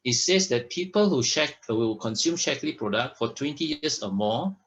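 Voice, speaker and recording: A man's voice: mid-range voice, animated, moderate pace, fairly bright tone. A man presenting products in a sales talk, emphatic, often checking in with "all right?" and "okay?". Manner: emphatic, stresses words by repeating them.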